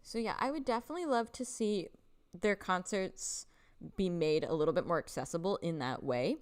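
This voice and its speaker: A woman's voice: on the low side, normal speed, clear, resonant tone. A young woman hosting a casual live stream, chatting with viewers, reading their comments aloud and laughing often, with lots of fillers. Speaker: livestream host.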